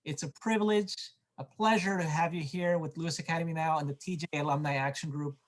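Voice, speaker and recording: A man's voice: a little high, fairly even intonation, fast talker. A man from Peru hosting an interview over a video call, speaking with enthusiasm and stumbling through restarts. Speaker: host, moderator. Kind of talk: hosted interview.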